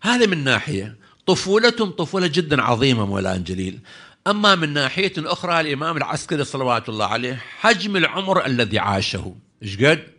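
A man preaching a religious sermon and telling stories, moving between soft asides and loud, slowed emphasis. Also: medium pitch, sing-song. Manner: impassioned, swings from soft to loud, slows to stress poetry and verses.

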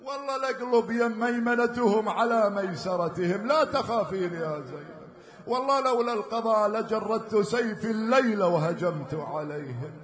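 A brave young warrior answers his sister with firm vows, recited by a man without a changed voice. The voice sits high for a man. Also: animated, brisk, roomy sound. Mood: reassuring.

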